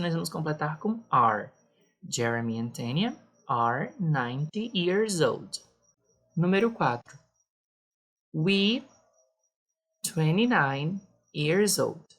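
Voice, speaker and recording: A woman's voice: low-pitched, vocal fry, breathy edge. A woman teaching a beginner lesson, patiently explaining each point twice. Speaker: English teacher.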